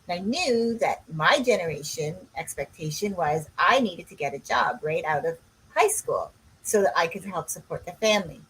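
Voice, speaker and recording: A woman's voice: on the low side, a bit bright, slight background noise, low-quality recording. A woman, a coach co-hosting a podcast in casual chat, rambling and drifting off on tangents. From Canada. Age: 60s.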